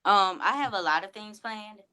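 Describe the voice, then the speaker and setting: A man's voice: sits high, moderate pace, bright, forceful tone, smooth. A man chatting casually as a guest, hesitant and repeating himself. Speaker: horror host guest. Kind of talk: casual chat.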